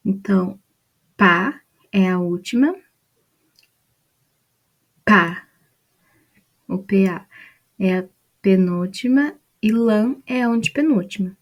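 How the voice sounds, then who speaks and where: A woman's voice: medium pitch, takes it slowly, long pauses. A woman with a Brazilian Portuguese accent, patiently explaining grammar rules step by step from a mind map. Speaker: student presenting a study mind map.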